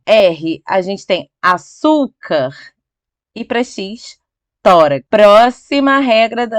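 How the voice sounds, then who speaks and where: Over a set of slides, a middle-aged woman from Brazil walks viewers through Portuguese grammar in a chatty way, frequently asking "tá?" or "ok?" to check in. She draws out important words slowly to stress them. Her pitch sits in the middle, with no echo on the audio.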